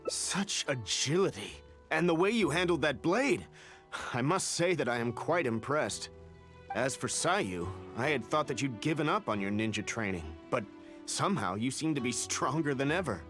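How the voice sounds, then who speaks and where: A man's voice: mid-range voice, animated, moderate pace, fairly bright tone, faint music behind, close to an everyday voice. An actor playing a timid, polite father in a video game, speaking in an earnest, courteous way. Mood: relieved, grateful. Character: timid, anxious, polite father, adult man. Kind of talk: English video game voice acting.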